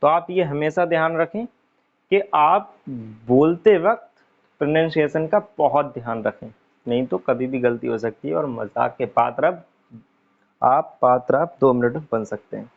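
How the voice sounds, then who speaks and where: A man teaching an English pronunciation lesson, repeating words slowly as he writes them out. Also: a little high, gravelly. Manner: repeats words slowly while writing on a board, frequent 'theek hai'. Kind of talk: casual online lesson. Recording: dull lo-fi recording.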